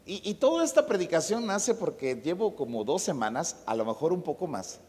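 A man's voice: a little high, very animated, a little fast, darkish tone, slightly rough. A middle-aged man, preaching a conversational sermon with storytelling and humorous asides. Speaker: pastor. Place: church. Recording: long hall reverb.

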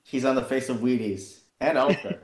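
A man co-hosting a casual podcast, animated and jokey as he recounts moments from a tabletop campaign. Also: medium pitch, moderate pace, reverberant. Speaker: podcast co-host and tabletop player. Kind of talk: casual chat.

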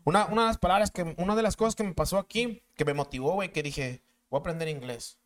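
A man, a guest telling slangy, animated stories and acting out the voices in them. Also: high-pitched, fast talker. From Mexico. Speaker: interview guest. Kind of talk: casual storytelling.

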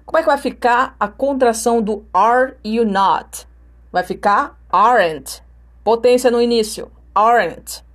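A Brazilian woman teaching English, repeating example phrases to model their intonation. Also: mid-range voice. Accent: Brazilian Portuguese. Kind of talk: recorded language lesson.

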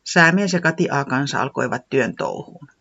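A storyteller reading a children's story aloud in a gentle, calm way. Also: mid-range voice, creaky, breathy edge, highs cut off.

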